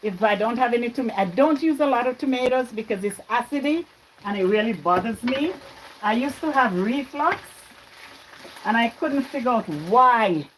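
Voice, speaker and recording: A woman from Jamaica runs a laid-back cooking livestream at home, talking to viewers as food fries and gets stirred behind her. Her fairly high voice is expressive and her speed normal, captured in a low-quality recording with slight background noise.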